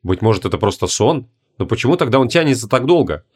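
A man reading a fantasy audiobook in measured, deliberate narration. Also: medium pitch, very animated, darkish tone, husky. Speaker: audiobook reader. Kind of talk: scripted narration.

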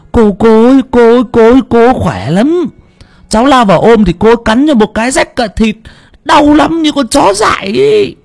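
A man voicing a frantic, breathless young village man crying out in panic, in a husky voice. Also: very high voice, darkish tone, voice pushed up, heavily acted.

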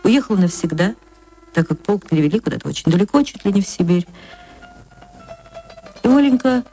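This is a female actress narrating a short story for radio at a medium pitch, lingering on words in a dramatic, literary style. Soft background music accompanies her.

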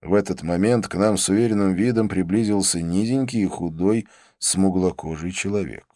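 A man narrating an audiobook in a steady, measured storytelling manner. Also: low voice, dry recording, clean studio sound. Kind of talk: audiobook reading.

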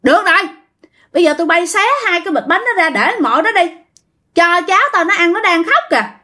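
A bitter old ghost man, played by a woman storyteller, speaking. His voice sits high and swings widely in pitch as he berates in coarse, repetitive bursts. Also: lively intonation, brisk, pushed and bright, exaggerated voice. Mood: stern. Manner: scolding, coarse, repeats himself. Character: vengeful old male ghost, scolding and bitter.

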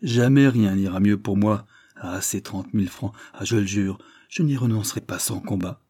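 A man reading aloud plays a touchy young man too proud to accept money, answering in emphatic refusals. The voice is low and husky with a dark tone. Dry, close recording. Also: moderate pace, no room sound. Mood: bitter.

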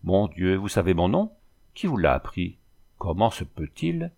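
A man's voice: low-pitched, sing-song, a little slow, vocal fry, dark tone, exaggerated voice. Plaintive feverish young man, read by a man. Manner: plaintive, bewildered. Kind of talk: audiobook reading.

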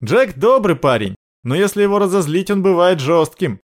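A man's voice: high-pitched, lively intonation, normal speed, pitched above the performer's own voice. A man voicing a young male prisoner who stays wry and cheeky under threat, in a raised voice.

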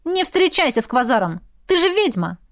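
A woman reading an audiobook, voicing a jealous, spiteful young blonde witch student with a shrill, accusing delivery. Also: sing-song, fairly quick.

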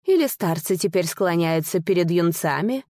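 A woman's voice: on the low side, expressive, moderate pace, a little mellow, dry recording, studio quality, close to an everyday voice. A woman voicing an old, sly and greedy male sorcerer who taunts and sneers. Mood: gloating.

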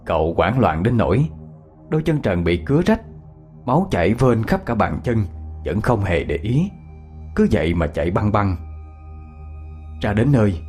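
A man narrating a ghost story, expressive and dramatic. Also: fairly low pitch. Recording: faint background music.

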